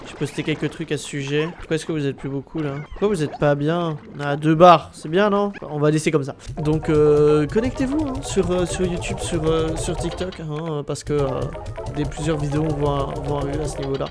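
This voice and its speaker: Stuffy-nosed, high-pitched young-sounding guy gaming. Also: moderate pace, over music. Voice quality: stuffy, blocked-nose nasal sound. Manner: slangy, sweary, exclamatory. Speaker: gaming video host. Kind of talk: casual gameplay commentary to viewers. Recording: background noise behind voice.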